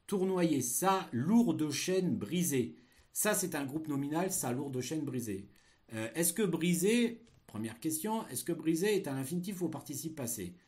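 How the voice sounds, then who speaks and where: Animated man dictating like a schoolteacher. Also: on the high side. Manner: dictating, drawn-out emphatic phrases between explanations; didactic, poses rhetorical questions. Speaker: French teacher giving an exam dictation. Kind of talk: dictating with grammar explanations.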